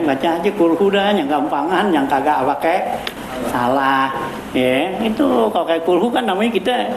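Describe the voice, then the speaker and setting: Chatty cleric in an echoey hall. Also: male voice, fairly high pitch. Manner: casual, repetitive fillers, chuckles while teaching. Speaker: cleric teaching a weekly religious study circle. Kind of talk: informal Islamic study lecture. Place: prayer hall. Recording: echoey hall with background noise.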